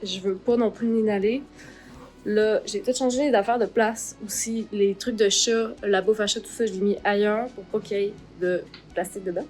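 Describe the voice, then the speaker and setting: A woman with a Québécois French accent hosts a casual making-of vlog from an art workshop, where she works as a craft artist. Her voice is medium-pitched, a little mellow and fairly even, at a normal speed, as she explains her steps informally, thinks aloud and mixes in some English words. Music plays in the background.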